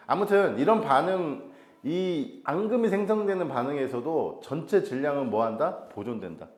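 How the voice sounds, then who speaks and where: A man's voice: a little high, lively intonation, moderate pace, a little mellow, echoey room. A man teaching science to a small group in Korean, quizzing students often and repeating check-in questions. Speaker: science tutor. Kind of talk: classroom teaching.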